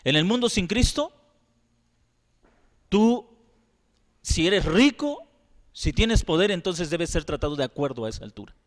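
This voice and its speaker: A man's voice: high voice, sing-song, a little slow, long pauses, distant mic. A pastor preaching a sermon, emphatic and full of rhetorical questions to his congregation. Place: church sanctuary. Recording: echoey hall, voice from off-mic.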